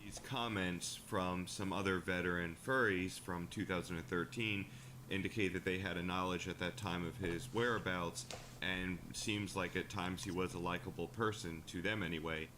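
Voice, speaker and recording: Deep-voiced man narrating a documentary. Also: normal speed. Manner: steady, informative storytelling. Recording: noisy played-back video audio.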